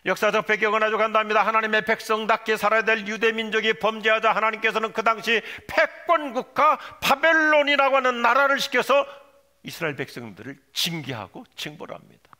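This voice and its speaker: A male pastor preaching a sermon, dropping to low quiet asides and rising to shouted, pleading cries. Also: expressive, a little fast. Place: church sanctuary.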